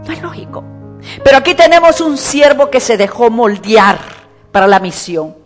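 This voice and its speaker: A woman's voice: a little high, very animated, moderate pace. Woman preacher, emphatic, faint music behind. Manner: emphatic, repeats key words for stress. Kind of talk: sermon. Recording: echoey church hall with faint music.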